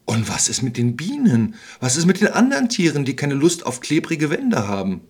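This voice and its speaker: A man voicing a calm, wise forest environmental expert who speaks in a soothing, lecturing, husky tone. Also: fairly low pitch, moderate pace, exaggerated voice.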